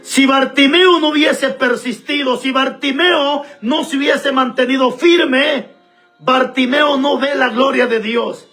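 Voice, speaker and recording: A man's voice: extremely high pitch, steady tone, takes it slowly, bright, forceful tone, soft background music. A man preaching a sermon as pastor, emphatic and repetitive, speaking straight to his listeners.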